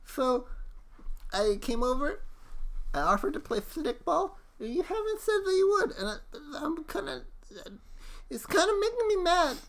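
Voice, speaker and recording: A bratty little boy with a lisp who swings from sulking to making threats, as a woman puts him on. The voice sits high and jumps all over the place, childish and menacing at once. It is an improvised comedy bit. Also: sing-song, a little slow, heavily acted. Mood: sulky. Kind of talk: improvised comedy podcast acting.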